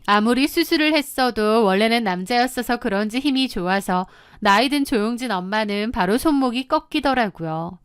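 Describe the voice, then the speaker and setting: A woman's voice: a little high, lively intonation, moderate pace, few pauses, clean tone, dry recording, clean studio sound. A woman narrating her own story in the first person, confiding and matter-of-fact.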